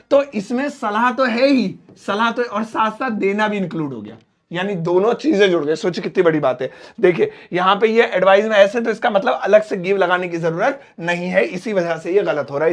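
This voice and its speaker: High-voiced Indian man teaching English. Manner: explains slowly, spelling out English example sentences word by word. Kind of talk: spoken English lesson.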